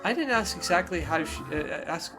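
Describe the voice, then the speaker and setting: Man playing chatty schoolgirl assistant, gossipy, lively rising pitch, game music behind. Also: moderate pace. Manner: gossipy, mock-cutesy reading of lines. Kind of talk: let's play voice acting.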